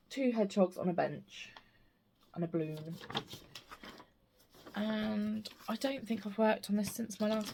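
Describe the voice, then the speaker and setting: A British stitching vlogger chats casually to camera about her craft projects, rambling and cutting herself off as she goes. Her mid-range voice is gravelly and darkish, and a missing front tooth slightly slurs her speech. There is slight background noise.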